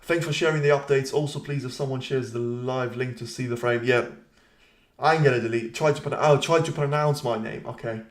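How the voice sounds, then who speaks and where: A talkative man hosting a live stream, chatting loosely between commentary and viewer comments. He answers the chat directly and pokes fun at himself as he goes. His pitch sits in an ordinary middle range for a man. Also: fairly even intonation, fairly quick. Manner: self-deprecating, rambling asides.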